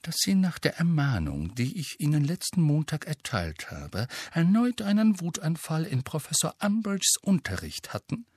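A strict, biting older schoolmistress, voiced by a male narrator, clipped and severe with a raised, lively pitch. She scolds with crisp authority, recorded close and dry. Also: moderate pace, no room sound, heavily acted. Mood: lowered warning. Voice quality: sharp, biting. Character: stern, sharp older woman teacher.

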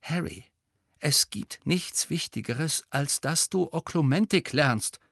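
A man doing a calm, firm teacher voice. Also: a little high, no room sound, clean studio sound, voice pushed up. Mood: stern. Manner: slow and measured, turning stern.

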